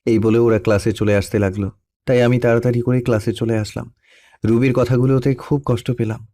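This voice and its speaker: A young man narrating a first-person love story in a soft, melancholy storytelling manner. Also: mid-range voice, little pitch movement, fairly quick. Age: young adult.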